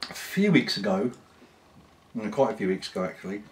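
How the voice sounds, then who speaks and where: Unhurried British man chatting casually. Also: lowish voice, expressive. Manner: unhurried, rambling, with pauses. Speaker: pipe-smoking vlogger. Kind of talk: casual unscripted chat to camera.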